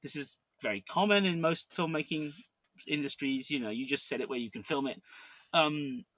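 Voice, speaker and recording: A man co-hosting a podcast speaks casually about movies, circling back with restarts and fillers. His voice is bright and a touch higher than most, close-miked in a dry room. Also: normal speed, no room sound. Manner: rambling, many restarts and fillers. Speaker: podcast co-host. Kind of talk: casual film discussion.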